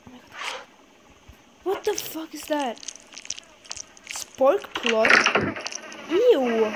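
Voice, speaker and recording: Swearing, jumpy woman gaming, noisy recording. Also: a little high. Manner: swears a lot, talks to her chat, jumpy and quick to laugh. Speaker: gamer streaming a horror game. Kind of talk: casual gameplay commentary.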